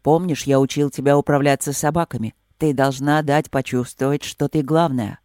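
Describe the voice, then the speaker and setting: A reader voicing a male prince-consort who speaks low, firm and even. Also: moderate pace, clean tone, no room sound, studio quality, lightly acted. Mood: stern. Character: steady, stern male prince-consort, controlled.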